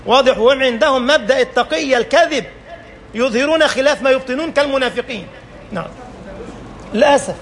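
High-pitched, gravelly Egyptian preacher. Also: male voice, quick pace, pauses often, fairly bright tone, a little hiss or hum. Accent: Egyptian Arabic. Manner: emphatic, with frequent rhetorical questions. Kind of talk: colloquial sermon.

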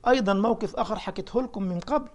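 A middle-aged man with an Egyptian accent, a preacher and imam, telling a story in an animated way and acting out the dialogue. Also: high-pitched, very fast. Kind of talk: storytelling religious talk.

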